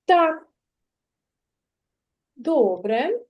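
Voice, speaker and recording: A woman's voice: sits high, big pitch swings, lo-fi sound. A woman teaching a preschool literacy lesson, speaking in a patient, sing-song way and drawing words out for a child. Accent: Ukrainian. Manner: drawn-out, sing-song word modelling for a child. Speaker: kindergarten teacher.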